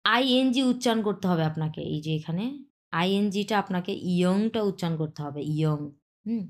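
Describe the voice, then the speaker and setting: A woman teaching a pronunciation lesson, repeating sounds slowly and checking in with her students. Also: mid-range voice. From Bangladesh. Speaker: language teacher.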